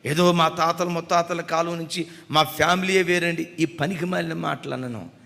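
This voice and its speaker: A middle-aged male pastor preaches with a bright, forceful voice that carries a long reverb through a church hall. He drops to soft, tearful storytelling, then surges into loud, impassioned declarations. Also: on the high side, fairly even intonation, normal speed, gravelly. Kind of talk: sermon.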